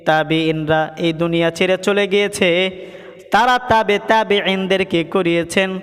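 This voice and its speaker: A man preaching a sung waz sermon, chanting lines in a melodic sing-song and rising to high emphatic calls. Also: steady tone, unhurried, a bit bright, clear, resonant tone. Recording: echoey hall with music behind.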